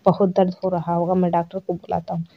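A woman's voice: fairly low pitch, monotone, fast talker, vocal fry, a little hiss or hum. A woman voicing a caring, respectful young male house servant, speaking politely and deferentially. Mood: devoted. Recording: dull lo-fi recording.

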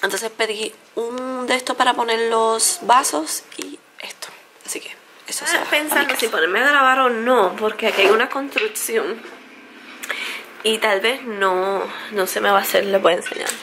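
A woman's voice: a little high, moderate pace. A woman in her thirties chatting casually to viewers as a family vlogger, holding the camera at arm's length at home. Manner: chatty, talks to viewers as friends. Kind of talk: casual family vlog chat. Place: home and outdoor café. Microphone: handheld camera at arm's length. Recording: noisy home recording.

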